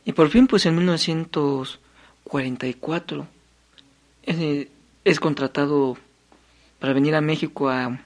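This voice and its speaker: A man's voice: a little high, measured pace, long pauses. A man, a music historian on a radio program, telling stories in a conversational way with frequent tag questions. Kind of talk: casual radio chat.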